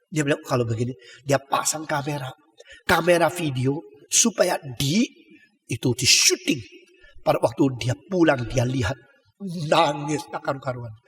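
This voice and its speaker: High-pitched preacher in a reverberant hall. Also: male voice, normal speed. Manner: dramatic preaching, sudden loud high bursts; colloquial asides and rhetorical questions. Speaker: pastor. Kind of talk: sermon.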